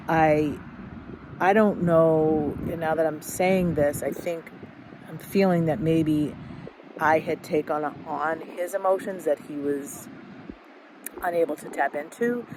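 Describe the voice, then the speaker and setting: Woman reflecting candidly, traffic noise behind. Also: low-pitched. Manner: candid, halting, many fillers and restarts. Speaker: podcast host. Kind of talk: personal reflective monologue.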